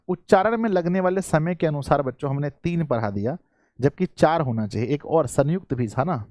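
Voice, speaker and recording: A male teacher with a Bihari Hindi accent, giving a live online lesson in a fairly high, very animated voice. He repeats his questions to the students and clears his throat often. The sound is close and dry. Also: no echo.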